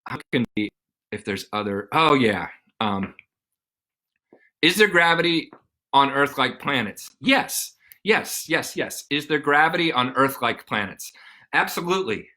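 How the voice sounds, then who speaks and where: Male science host, middle-aged, playful and enthusiastic, bright forceful voice. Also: fairly high pitch, sing-song, normal speed. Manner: enthusiastic, playful, acts out little scenes. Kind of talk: explaining science to kids on a live stream.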